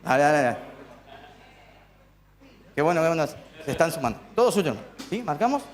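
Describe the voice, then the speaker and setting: A man's voice: a little high, sing-song, a little fast. A man with an Argentine accent teaching conducting in a church, counting beats aloud and coaching students. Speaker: music instructor. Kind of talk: hands-on conducting lesson. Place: church hall during a live-streamed course.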